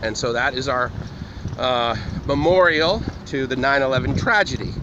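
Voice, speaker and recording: Walking through a university campus, a vlogger talks casually to the camera in a medium-pitched male voice at a moderate pace. He rambles and digresses, often correcting himself. The outdoor recording sounds dull and is noisy with wind.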